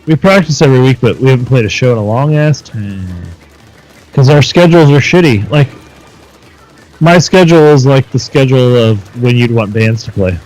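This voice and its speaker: A man's voice: medium pitch, normal speed, darkish tone, rough recording. A man co-hosting a podcast, chatting casually and self-deprecatingly while playing a video game, swearing now and then. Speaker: podcast co-host.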